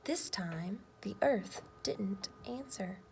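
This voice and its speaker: Reading a storybook aloud and talking with children, a woman speaks as their teacher in a storybook-and-lesson format. Her mid-range voice is expressive, and she takes it slowly. There's clear background noise.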